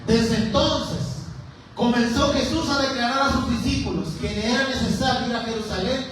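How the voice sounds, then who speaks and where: A Mexican man preaching an animated, conversational sermon in a church hall, calling the congregation to repeat after him. His voice sits high and rings through the room. It is picked up from a distant mic, with background noise underneath. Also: normal speed. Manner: animated, conversational, leads call-and-response.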